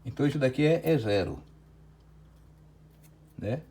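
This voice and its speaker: A man with a Brazilian Portuguese accent speaks a little slowly in a medium-pitched, mellow, animated voice, with a little hiss or hum in the audio. In his online physics lecture he tackles a problem step by step and often checks with "certo?".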